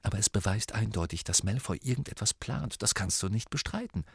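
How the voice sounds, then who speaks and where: A man's voice: fairly low pitch, lively intonation, fairly quick, vocal fry, breathy edge, no echo, studio quality, full character voice. A man voicing a stubborn, suspicious teenage wizard boy in an audiobook, talking in a reluctant, insistent way.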